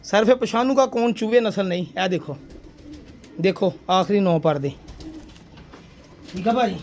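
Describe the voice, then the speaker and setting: A man showing his pigeons one by one, with a persuasive sales pitch aimed at the viewer. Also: moderate pace, a little mellow, slight background noise. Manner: persuasive, addresses viewer as sir and brother. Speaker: pigeon seller showing birds.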